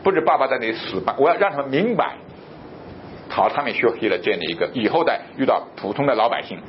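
A middle-aged man from southern China preaching a sermon, telling a personal story with animated delivery and acting out the dialogue. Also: quick pace. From Guangzhou area of southern China. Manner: emphatic, sudden jumps in pitch and loudness. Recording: muffled recording with faint low rumble.

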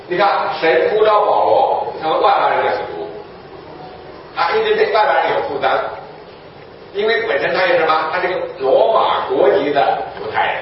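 A man delivers a sermon in a fairly high voice, teaching his listeners through rhetorical questions that he answers himself. He sounds distant from the mic, in a very echoey room. The recording is dull and lo-fi, with a faint hum of room ambience underneath. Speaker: preacher.

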